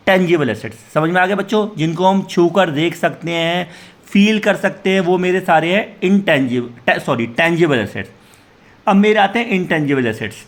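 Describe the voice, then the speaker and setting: High-voiced man teaching a class. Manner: asks questions and answers them himself; reads English definitions slowly, then explains in Hindi. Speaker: commerce teacher. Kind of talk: classroom lecture to students.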